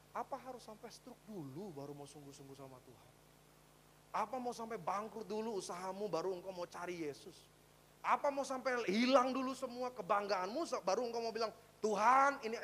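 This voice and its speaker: A male pastor preaching a sermon, swinging between loud exhortation and quiet storytelling. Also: sits high, sing-song, brisk, slight background noise.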